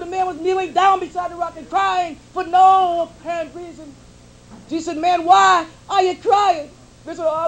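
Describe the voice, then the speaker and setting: A man's voice: very high-pitched, darkish tone, a little hiss or hum. A man doing a stand-up routine as a preacher, with a preaching cadence and folksy slang on a live comedy stage.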